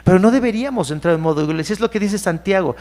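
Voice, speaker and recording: A man with a Mexican Spanish accent preaching a sermon as pastor in church, animated, at times mimicking churchgoers. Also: high voice, very fast.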